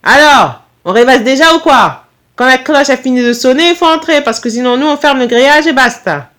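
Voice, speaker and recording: A woman voicing a short, jovial but stern male school vice-principal with a strong Corsican accent, speaking firmly and briskly. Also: high-pitched, lively intonation, pitched above the performer's own voice. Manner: firm, brisk, loud.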